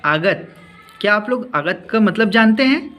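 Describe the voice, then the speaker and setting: A man's voice: high-pitched, animated, measured pace, a bit bright. A male teacher explaining a class lesson to children, repeating points and asking them questions.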